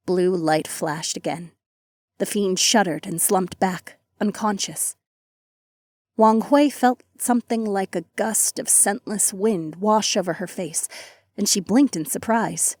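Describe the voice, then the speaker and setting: A woman giving scripted, measured narration of a fantasy audiobook. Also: lowish voice, darkish tone, dry recording, clean studio sound.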